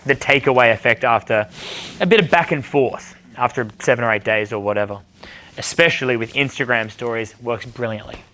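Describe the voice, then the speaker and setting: A young man leads a dating seminar with a bright, forward voice. He talks bluntly and swears freely, often acting out bar conversations. His pitch sits in an ordinary middle range. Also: brisk. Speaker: dating coach. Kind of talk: seminar talk answering questions.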